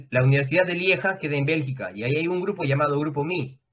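Talkative male teacher, fairly high voice. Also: fast talker, a bit bright. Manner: conversational, checks in with students often. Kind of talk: online class lecture.

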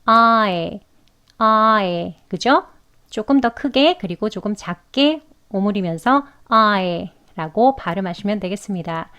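A woman's voice: medium pitch, lively intonation. A woman teaching English pronunciation in Korean, explaining mouth shapes patiently and saying each example word twice. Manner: patient, demonstrates sounds slowly and repeats each word twice. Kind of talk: slow instructional explanation with repeated example words.

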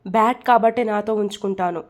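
A woman's voice: medium pitch, a little fast, close to an everyday voice. A woman voicing an angry young man who talks in curt, commanding orders to his mother and his staff. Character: angry young man, bossy son and father.

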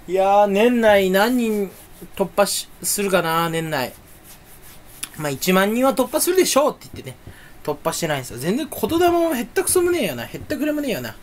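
Rambling young man, lively pitch. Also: fairly quick, a little hiss or hum. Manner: playful, self-mocking muttering with sudden loud outbursts; talks while sucking candy. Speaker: YouTuber. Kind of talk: rambling solo chat.

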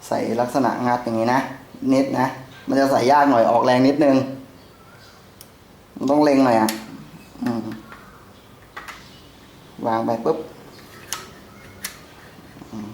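A man in the middle of his pitch range talks through a hands-on repair demo, relaxed and unhurried, with fillers and pauses while he works. His voice sounds roomy and echoey, with a faint hum of background noise behind it. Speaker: gun channel host. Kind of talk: hands-on gun maintenance demo.

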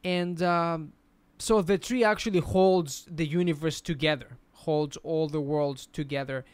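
Smooth-voiced man explaining on a podcast. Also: on the high side, steady tone, unhurried, dry recording. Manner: explaining, rambling with restarts. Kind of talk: casual podcast chat.

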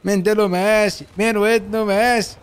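A young man with an Egyptian Arabic accent, hosting a gameplay video in a fast, laughing banter. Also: high-pitched, clean tone. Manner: animated, laughing, quick banter. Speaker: gaming YouTuber. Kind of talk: excited gameplay chat.

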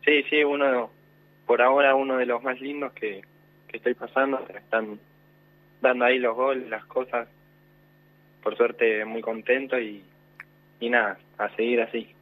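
A man's voice: mid-range voice, flat delivery, moderate pace, pauses often, no room sound. A young man with a Rioplatense Spanish accent, a football player giving short, modest answers in a radio interview. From Argentina. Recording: tinny phone line.

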